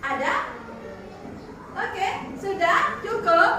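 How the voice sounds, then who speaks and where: A woman teacher with a very high voice leads a class of young pupils, calling on them by name and urging applause. She is picked up from across a boomy classroom, so she sounds distant and echoey over steady noise. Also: extremely slow, over music. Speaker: primary school teacher. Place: classroom full of children.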